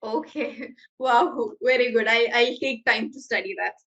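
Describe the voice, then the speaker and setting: A woman with a Malayali accent leads an online English lesson. Her voice sits a little high, and she talks at an unhurried pace, pausing often. She keeps encouraging her students over the video call. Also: pushed and bright, rough recording. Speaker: English teacher.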